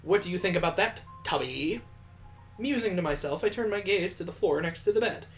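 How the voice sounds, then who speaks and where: Reading a visual novel's text aloud for his gaming video, a male host performs playfully and expressively, adding his own jokes along the way. He pitches his voice high and talks fairly quickly over faint background music.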